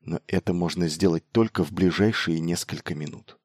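A man voicing a brash, quick-witted young male noble commander who talks insistently and urgently. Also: low voice, darkish tone, dry recording, clean studio sound. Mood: grim urgency.

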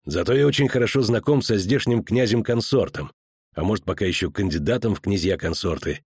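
A man voicing a grim, weary male witcher in an audiobook, speaking curtly with a husky voice. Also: lowish voice, a little fast, darkish tone, no echo, clean studio sound. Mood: terse. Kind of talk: audiobook character reading.

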